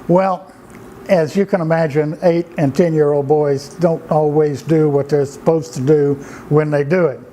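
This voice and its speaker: A man, telling family anecdotes in an unhurried, halting way with many pauses and restarts. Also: on the high side, steady tone, dark tone, a little hiss or hum, rough recording. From Georgia, USA. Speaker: storyteller and writer. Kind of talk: folksy anecdotal storytelling.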